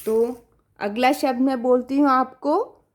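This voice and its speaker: Woman primary teacher; high voice, unhurried, patient and coaxing, mixes in English words, drags out dictation words. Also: animated. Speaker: primary school Hindi teacher. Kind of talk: online class for young children.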